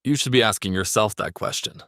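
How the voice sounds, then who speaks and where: A man's voice: lowish voice, a little fast, vocal fry, a bit bright, no echo, studio quality. A man voicing a smug, mocking young rival in an audio drama. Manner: mocking, condescending. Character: smug scoffing rich young male rival.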